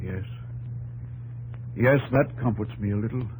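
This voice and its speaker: An actor playing Thomas Jefferson as a grave, resolute, fatherly president in 1950s radio drama, speaking in a formal, deliberate way. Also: fairly low pitch, lightly acted. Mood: troubled, weary. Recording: noisy old 1950s radio broadcast.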